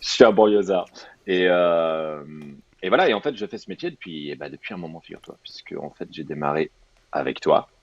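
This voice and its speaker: A man's voice: extremely low pitch, a little fast. A man in his thirties chatting informally as a remote interview guest, rambling and joking, over a video call. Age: 30s. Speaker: interview guest, advertising director. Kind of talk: casual remote interview chat. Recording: slightly dull, lo-fi call audio.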